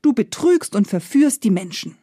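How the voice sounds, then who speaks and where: A woman's voice: mid-range voice, sing-song, moderate pace, mellow, dry recording, clean studio sound. A woman voicing a poor, desperate peasant father of thirteen, speaking earnestly.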